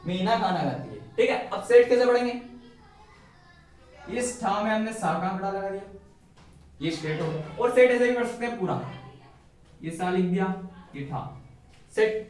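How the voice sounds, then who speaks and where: A male shorthand teacher giving a casual classroom lesson, asking and answering his own questions and cracking jokes as he goes. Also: high-pitched. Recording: very echoey room, mic far away.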